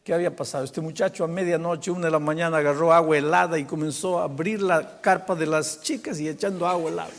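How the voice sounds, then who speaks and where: An older man from Peru, a pastor telling a story in a sermon, acting out the dialogue and dropping to a hush at emotional moments. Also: on the high side, fast, gravelly, few pauses. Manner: animated storytelling, acting out quoted dialogue with hushed emotional drops. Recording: long hall reverb.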